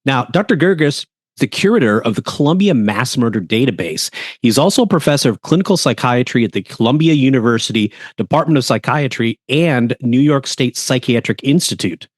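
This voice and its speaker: A man's voice: mid-range voice, animated, brisk, no echo, studio quality. A man co-hosting a podcast while getting over the flu, talking with a lozenge in his mouth and introducing the guest conversationally. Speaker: podcast co-host. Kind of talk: podcast interview.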